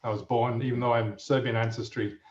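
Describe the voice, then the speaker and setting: A man's voice: mid-range voice, a little fast. English man in his fifties, rambling chatty guest, distant mic, roomy and dull sound. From England. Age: 50s. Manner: relaxed, rambling, frequent fillers. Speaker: guest professor. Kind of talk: casual storytelling. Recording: muffled, roomy audio from a distance.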